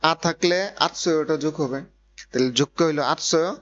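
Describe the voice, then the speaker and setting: A man teaching Korean grammar speaks fairly quickly, his slightly high, somewhat bright voice staying fairly even. He goes back over points and asks if the class understands, on dull lo-fi audio with faint hum and noise.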